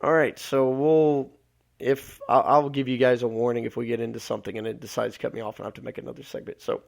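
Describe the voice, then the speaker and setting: A man's voice: medium pitch, level tone, fast talker, gravelly. A man from Alabama, hosting a solo live podcast, losing his voice and rambling with many filler words. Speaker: podcast host.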